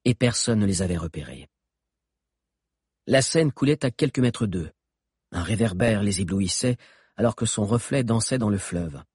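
A man narrating an adventure audiobook with an expressive, dramatic reading. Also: fairly low pitch, slightly rough, dry recording, studio quality. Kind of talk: scripted narration.

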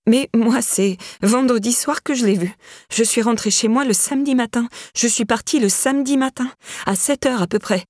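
Woman doing a panicky young woman, pleading, pitched up, husky, dry close sound. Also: normal speed, a little mellow, no room sound, close to an everyday voice. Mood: shocked. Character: anxious young woman questioned by police.

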